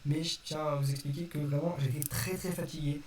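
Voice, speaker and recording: Here a young creator gives his audience a loose, unplanned explanation, stumbling, saying sorry, and fixing his own words. His pitch is fairly high, his intonation fairly even, and he speaks a little fast. Faint noise and a far-off, roomy mic color the sound.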